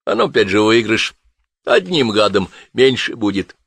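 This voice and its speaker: A man voicing a hoarse, menacing armed partisan who speaks curtly and threateningly. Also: fairly low pitch, sing-song, normal speed, a bit bright, no echo, heavily acted. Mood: cold. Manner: curt, threatening.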